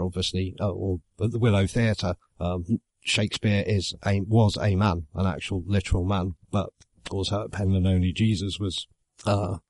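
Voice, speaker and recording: Guy thinking out loud, low voice, dry close mic, keeps correcting himself. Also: dry recording. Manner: rambling, self-correcting, wry asides. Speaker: amateur actor. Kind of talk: casual reflective monologue.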